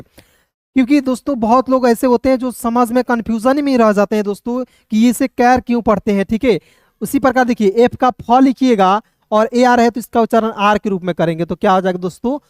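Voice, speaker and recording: In a Hindi phonics lesson, a man with a high-sitting, darkish voice teaches English spelling, slowly spelling words out letter by letter. He repeats "doston" and often asks his friends if they follow, in clean studio sound with no room echo.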